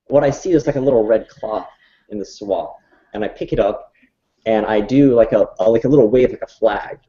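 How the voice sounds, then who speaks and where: A man playing a tabletop game, describing his character's actions in a theatrical, halting way. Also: mid-range voice. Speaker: player. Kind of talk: tabletop role-play. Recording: dull lo-fi recording.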